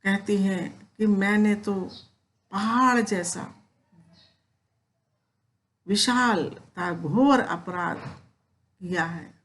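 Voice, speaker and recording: Slow-speaking woman teaching poetry. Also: mid-range voice. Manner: recites verse lines, then explains them in plain Hindi. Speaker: Hindi teacher. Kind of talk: recorded lecture explaining poetry.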